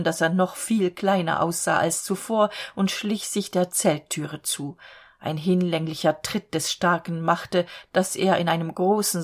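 A woman storyteller reading a fairy tale aloud in a calm, measured way. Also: fairly low pitch.

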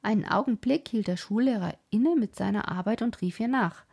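Lady reading an excited uncle telling old school stories, gravelly, husky. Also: mid-range voice, brisk. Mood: reminiscing. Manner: excited, reminiscing. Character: grown-up brother, eager storyteller uncle.

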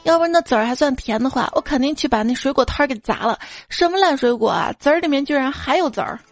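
A woman's voice: sits high, expressive, fast talker, soft background music. A woman radio show host reading out listener jokes, playful and acting out the quoted voices.

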